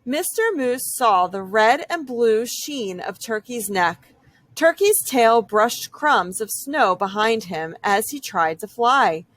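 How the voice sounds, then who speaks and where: A woman reading a children's picture book aloud as an expressive storyteller. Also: a little high, takes it slowly, dry recording.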